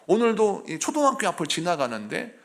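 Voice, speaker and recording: A middle-aged man, a senior pastor, preaching a sermon in an animated storytelling way and acting out the people in his stories. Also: high-pitched, brisk.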